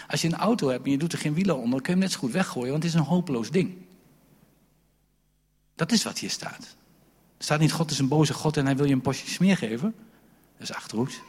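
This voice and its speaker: A man's voice: medium pitch, breathy edge. A male pastor giving a sermon in a church hall, preaching in a conversational way with asides to the congregation. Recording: long hall reverb.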